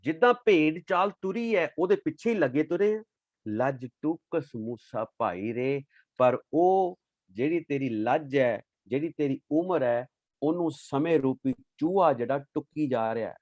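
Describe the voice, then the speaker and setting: A fairly high-voiced man teaching from scripture in a devotional talk. He chants verses slowly, then breaks into lively explanation. The sound is close and dry. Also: no room sound, dull audio.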